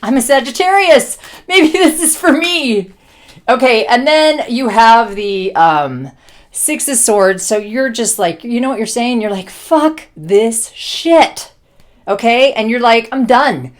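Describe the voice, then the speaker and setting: A woman's voice: a little high, animated, unhurried. A woman giving a casual tarot reading, blunt and joking, swearing freely. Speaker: tarot reader.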